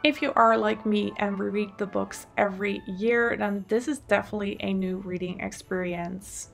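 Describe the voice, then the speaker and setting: Soft background music plays as a gravelly, mid-range female voice speaks at normal speed with fairly even intonation. She's a Dutch native in her thirties from the Netherlands with a Dutch accent, a chatty, enthusiastic video host doing casual presentation to camera and voice-over.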